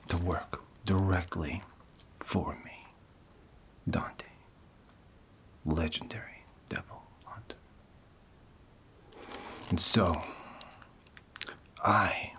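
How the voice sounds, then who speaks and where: A man voicing an older, cocky, goofy devil hunter boss in a soft-spoken, breathy ASMR roleplay, with slow, mock-pompous delivery. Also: deep voice, exaggerated voice. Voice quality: breathy, half-whispered.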